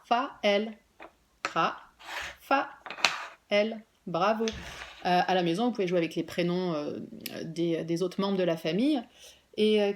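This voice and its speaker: A woman preschool teacher giving a remote lesson to parents and children, patiently clapping out syllables and stretching words slowly. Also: medium pitch.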